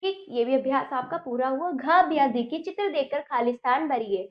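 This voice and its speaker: A woman teacher giving a children's Hindi lesson, reading in a slow, sing-song way and asking the class prompting questions. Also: high-pitched, muffled recording.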